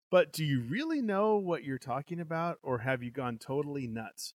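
A man's voice: fairly high pitch, big pitch swings, unhurried, dry recording, studio quality. A young man co-hosting a show, reading a gamebook aloud with banter and frequent laughs. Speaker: podcast co-host reading a gamebook.

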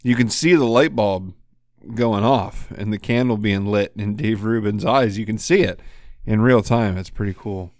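Lower-voiced man chatting on a podcast. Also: normal speed, a little mellow, no echo, clean studio sound. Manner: agreeable, chiming in with short affirmations. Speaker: podcast co-host. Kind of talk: casual conversational podcast chat.

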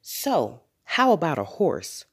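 A woman gives a heavily acted performance as an eager, scheming little girl in a children's storybook, coaxing and listing things persuasively. Her voice sits low with a breathy edge, swooping wildly in pitch at a slow pace.

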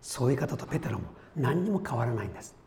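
A man's voice: medium pitch, very animated, fast, crowd noise. A man preaching a sermon as a pastor, chatty and folksy, with easy asides before he turns to the Bible passage. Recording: echoey room with faint ambience.

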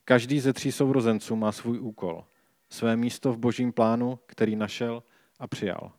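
A man reading a Bible passage aloud and reflecting on it in a calm, measured way. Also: medium pitch, no room sound, studio quality. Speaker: scripture reader and preacher.

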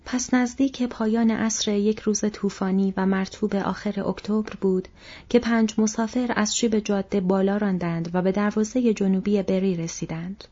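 A woman narrating an audiobook in a soft, measured, breathy reading. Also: medium pitch, fairly even intonation. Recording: dull lo-fi recording.

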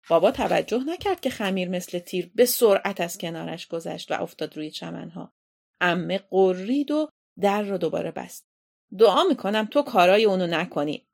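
A woman reading a children's story aloud in a measured, expressive way. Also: mid-range voice, creaky.

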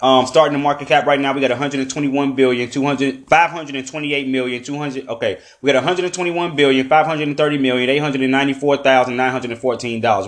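A male podcast host reading out a ranked countdown, informal but with a repetitive announcer-like list delivery. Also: mid-range voice. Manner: informal, addresses listeners as family.

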